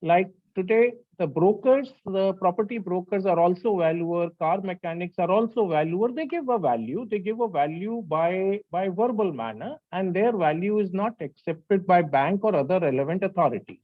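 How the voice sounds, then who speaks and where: A man's voice: high voice, normal speed, hardly any pauses, narrow, tinny audio. A man with a North Indian accent giving an explanatory lecture, speaking insistently and repeating his phrases. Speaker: lecturer, registered valuer. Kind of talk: explanatory lecture with audience questions.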